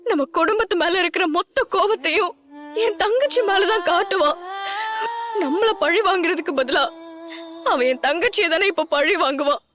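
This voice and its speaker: A woman's voice: extremely high pitch, a bit bright. A woman voicing a distraught young woman who is crying as she blames herself for her sister's fate in a dubbed TV serial. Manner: tearful, pleading, breaking off mid-phrase.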